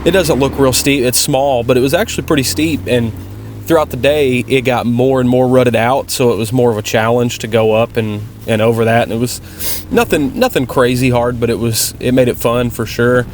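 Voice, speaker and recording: A man's voice: mid-range voice, fairly even intonation, moderate pace, slight background noise. A man giving a casual, conversational vlog voice-over as an amateur dirt bike racer, plain-spoken and rambling. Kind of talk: casual vlog voice-over commentary on race footage.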